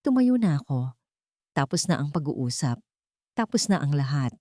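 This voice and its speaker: A woman narrates a dramatic first-person audiobook story in a low, dark voice with a sing-song quality at normal speed. The recording is dry, with no room sound.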